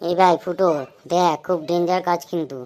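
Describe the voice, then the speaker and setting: Woman voicing fast-talking cartoon boy Bitkel. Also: lowish voice, level tone, darkish tone, natural voice. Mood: worried. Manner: fast, chattering, nervous then cocky. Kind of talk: cartoon comedy voice acting.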